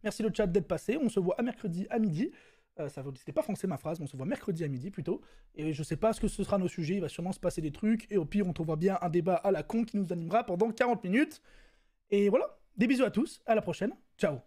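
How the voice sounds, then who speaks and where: A man hosting a casual streamed chat, animated and argumentative, often laughing. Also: sits high, fast talker. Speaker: host.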